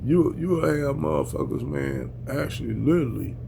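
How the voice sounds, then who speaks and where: Over background noise, an American man vlogs a casual rant at home, blunt and thick with profanity and street talk, chuckling at the points he makes. His voice is on the high side and animated, with vocal fry and a moderate pace.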